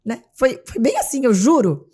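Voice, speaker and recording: There's a little hiss or hum behind this fairly high, normal-speed female voice. She is a Brazilian mother of three appearing on an interview show, speaking casually in a Brazilian Portuguese accent and animatedly acting out scenes from her stories.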